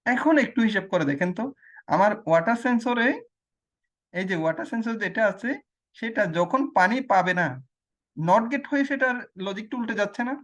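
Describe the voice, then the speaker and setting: A man's voice: high-pitched, a little fast, fairly bright tone. Male tutor; patient self-quizzing explainer who restates every point. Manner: asks questions and answers them himself, repeats key phrases. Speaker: teacher. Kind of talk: explaining logic gates on a screen demo.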